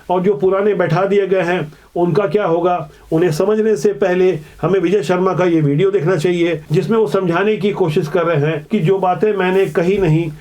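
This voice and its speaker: A man presenting political news commentary in a measured, explanatory way. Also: high-pitched, darkish tone. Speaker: news anchor.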